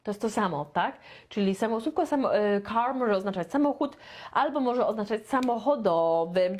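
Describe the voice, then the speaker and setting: A woman from Poland teaching a beginner English lesson, chatty and playful, stretching out her model sentences very slowly. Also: medium pitch, expressive, a little mellow. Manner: slow, deliberate, with very drawn-out model sentences; chatty and playful, with sound effects.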